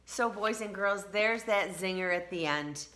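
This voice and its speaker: A woman teacher speaks at a medium pitch while reading a storybook to children. Her delivery is expressive and direct, with words stretched out for emphasis.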